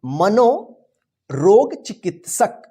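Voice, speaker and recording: In an extremely slow, mellow, and very animated mid-range voice, a woman runs an English vocabulary class. Words get spelled out one letter at a time, learners are asked questions, and she patiently repeats each answer along with its meaning.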